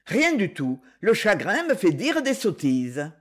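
An ardent, lovesick young man, pleading softly and tenderly, his voice sometimes muffled, as a woman narrator reads him. The delivery moves expressively up and down in pitch, in a storybook romance reading. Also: huge pitch swings, unhurried.

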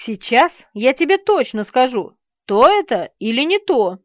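An urgent, fussing young man , as a woman narrator puts him on, in a storybook reading. Her own high, lively voice carries him. The sound is dry and a bit muffled. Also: unhurried, dry recording. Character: eager young man, fussy about his pets.

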